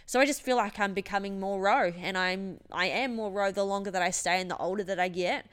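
A woman's voice: mid-range voice, fairly quick, a bit bright, clear, resonant tone. Aussie gym owner lady in her 30s, sweary, emotional, all over the place. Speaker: gym owner and podcast host. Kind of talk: casual monologue.

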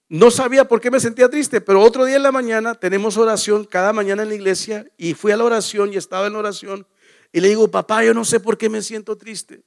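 A man's voice: sits high, gravelly. A male pastor preaching a sermon, emphatic, repeating phrases and asking the congregation rhetorical questions.

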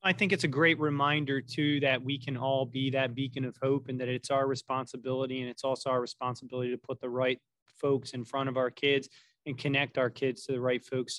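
Male interview host, appreciative and affirming, flat intonation, dry sound. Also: medium pitch, no echo, rough recording. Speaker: podcast host. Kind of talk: interview hosting before a live audience.

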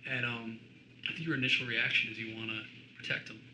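A man hosting a podcast, talking quickly and casually with many fillers. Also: medium pitch, flat delivery, sharp tone. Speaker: podcast host. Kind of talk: casual chat. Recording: roomy with background noise.

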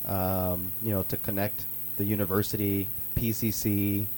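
A man's voice: lowish voice, a little slow, a little hiss or hum. A man hosting a radio talk show, chatting casually and upbeat with lots of fillers. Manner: relaxed, filler-heavy, upbeat.

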